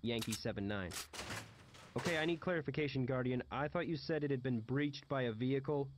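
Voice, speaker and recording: A man's voice: mid-range voice, fairly quick, natural voice. Man doing an impatient, clipped officer. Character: impatient male officer on radio. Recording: noisy background hiss.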